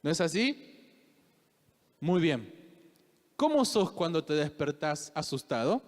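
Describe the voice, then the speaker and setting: A young man with a Rioplatense Spanish accent preaching a sermon, asking the congregation questions and building to shouted fervor. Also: on the high side, very animated, takes it slowly, in a large hall. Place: church.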